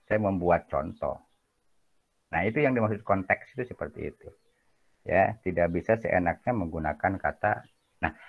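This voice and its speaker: Guy teaching a class, joking around a lot, keeps asking ya nggak, muffled lo-fi sound. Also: on the low side. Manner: chatty, jokey, peppers talk with tag questions. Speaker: university lecturer. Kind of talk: casual classroom lecture.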